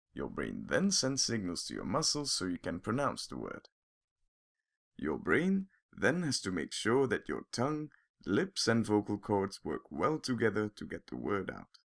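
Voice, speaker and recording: A man giving calm, clear scripted narration for an animated explainer, explaining step by step. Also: lowish voice.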